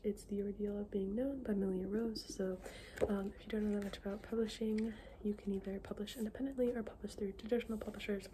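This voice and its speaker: A woman whispering softly in an ASMR style as she chats about books, informal and halting, often trailing off. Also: mid-range voice. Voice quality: soft unvoiced whisper. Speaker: ASMR book video creator. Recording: clearly noisy, with clicking sounds.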